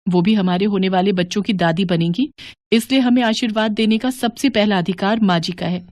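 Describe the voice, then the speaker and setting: A woman voicing kind young daughters-in-law who speak gently and respectfully. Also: mid-range voice, fairly quick, no room sound, natural voice. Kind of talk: animated moral story voice acting.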